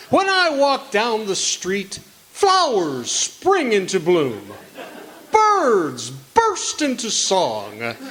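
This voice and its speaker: A man's voice: high voice, sharp tone, a little hiss or hum, exaggerated voice. A man plays a pompous small-town doctor in a radio comedy. He takes his time, swooping grandly through dry, sarcastic lines. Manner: pompous, droll, measured mock grandeur.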